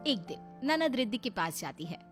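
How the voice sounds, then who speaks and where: Animated woman storyteller. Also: a little high, normal speed, faint music behind. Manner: expressive, dramatic storytelling. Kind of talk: scripted story narration.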